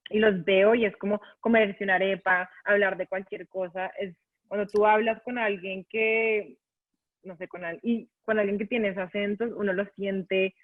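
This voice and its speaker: High-voiced Bogotá man on a tinny call. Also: level tone, moderate pace, dry recording. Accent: Bogotá Colombian Spanish. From Bogotá, Colombia. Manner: earnest, repeats phrases, asks "you know?". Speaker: writer guest. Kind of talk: reflective interview answer. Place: home abroad. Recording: tinny dry phone-like call audio.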